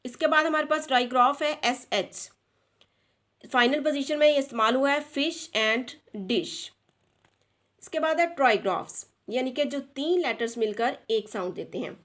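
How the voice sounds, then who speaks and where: High-voiced Pakistani woman teaching children. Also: a bit bright. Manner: reads English slowly, then explains in Urdu; addresses children directly. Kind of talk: reading a schoolbook lesson aloud.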